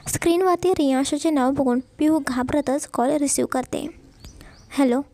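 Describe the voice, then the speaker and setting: A woman narrating a romance story in a steady, even-paced reading. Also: high-pitched, moderate pace, dry recording.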